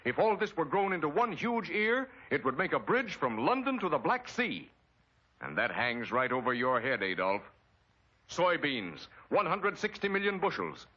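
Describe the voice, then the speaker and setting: This American narrator, reading a script with emphasis and drama like a 1940s wartime propaganda film, has a fairly high, breathy voice with big pitch swings at normal speed. A loud orchestral score plays, and the sound is dull, vintage 1940s film audio.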